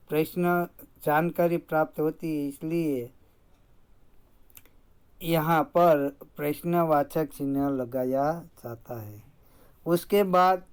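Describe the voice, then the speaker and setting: Slow, deliberate teacher explaining grammar. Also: mid-range voice, a little mellow, smooth. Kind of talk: slow classroom grammar lesson.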